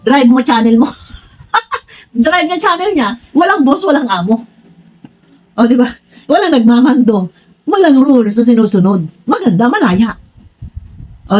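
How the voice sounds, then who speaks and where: Fairly high in pitch and a little mellow, this woman runs a casual commentary vlog on online personalities. She speaks frankly and bluntly right to her audience, says she's direct to the point, and keeps restarting as she rambles.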